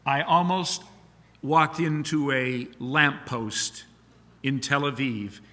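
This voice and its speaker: A man, a rabbi, giving a eulogy with animated joke-telling and folksy asides in a synagogue sanctuary. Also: mid-range voice, slow. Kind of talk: eulogy with humorous storytelling. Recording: long reverb of a large hall.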